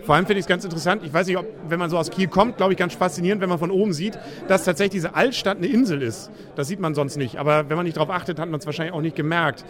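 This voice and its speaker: A man hosting a radio podcast leads a street interview in rapid, chatty patter. His voice sits high for a man. A loud city crowd fills the background. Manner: chatty, jokey questions. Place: outdoors in a busy city. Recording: crowd noise behind.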